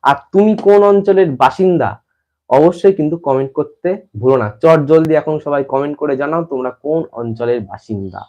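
A man's voice: on the high side, lively intonation, a little fast, a little mellow, muffled recording. A man from West Bengal teaching an exam-prep lesson to students. He often repeats phrases and restarts as he explains.

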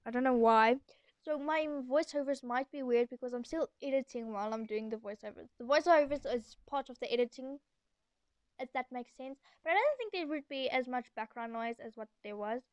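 With a sore throat, a young girl hosts her gaming video in a chatty, rambling voice-over recorded in an echoey room at home. She speaks brisk and high-pitched, her tone smooth, with no echo picked up.

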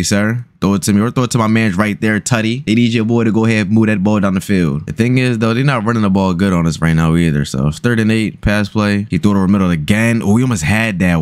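A man's voice: sits low, no room sound. A young man doing casual, slangy, profane gameplay commentary, his speech slightly altered by a retainer in his mouth. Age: young adult. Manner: slangy, profane trash talk. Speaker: gaming streamer. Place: small indoor room at home.

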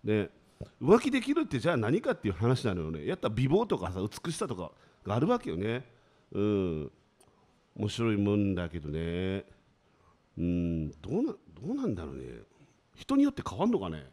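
A man's voice: on the low side, wildly swooping pitch, brisk, mellow. A man, hosting a casual comedy radio talk in a sardonic, self-mocking, grumbling way. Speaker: radio show host. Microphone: studio microphone.

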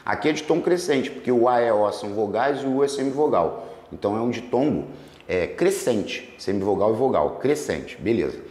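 A man teaching exam grammar, working through test questions and drawing out words slowly to split them into syllables. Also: mid-range voice, echoey room, in a large hall. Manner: lively, stretches words slowly to spell out syllables.

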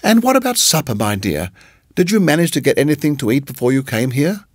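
A man's voice: mid-range voice, sing-song, fairly quick, slightly rough, dry recording, studio quality, voice pushed up. A man voicing a sweetly unsettling middle-aged landlady who talks in a cooing, fussy, overly pleasant way. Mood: cooing sweetness.

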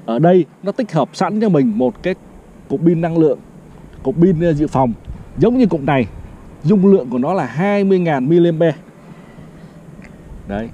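A friendly man in his 50s from Vietnam reviews a product in a casual vlog, his voice slightly high and mellow. He's on an outdoor rooftop terrace in a city, wearing a clip-on lapel mic, and the lo-fi sound is slightly dull with a little background noise. Chatty, he explains things step by step and fills pauses with "đó" and "vâng".

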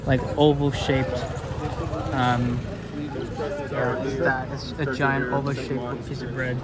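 A young man talks through a casual travel vlog in an ordinary, mid-pitched voice. He rambles loosely, stopping to correct himself and filling gaps with ums. Busy crowd chatter surrounds his voice the whole time. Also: little pitch movement, slow pace. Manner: chatty, loose, lots of fillers and self-corrections. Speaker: travel vlogger. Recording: busy crowd noise around him.

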